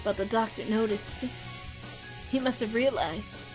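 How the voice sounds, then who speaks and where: A woman reading game dialogue aloud, voicing a grave, remorseful male pigeon in a quiet, confessional way. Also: fairly high pitch, measured pace, music in the background, voice pushed down, lightly acted. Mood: somber.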